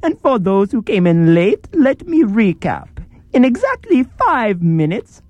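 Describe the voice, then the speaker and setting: A man's voice: very high-pitched, darkish tone, no echo, exaggerated voice. A man playing a gloating, grandiose swami villain in a comedy audio drama, with a pompous, theatrical delivery.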